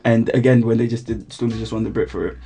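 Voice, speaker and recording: A man's voice: mid-range voice, flat delivery, fast talker, mellow. A young man hosting a podcast, chatting casually and animatedly with slang. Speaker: podcast host. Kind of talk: casual chat.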